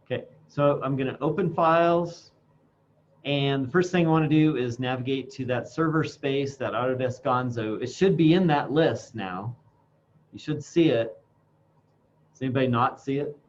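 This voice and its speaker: A man teaching an informal classroom software demonstration, speaking haltingly through a face mask and thinking aloud as he goes. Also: medium pitch. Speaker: instructor. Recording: dull lo-fi sound, faint background noise.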